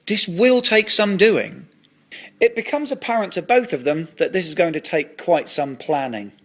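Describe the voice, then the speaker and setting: A man's voice: high voice, lively intonation, normal speed, fairly bright tone. A man narrating a comic story in a dry, matter-of-fact way.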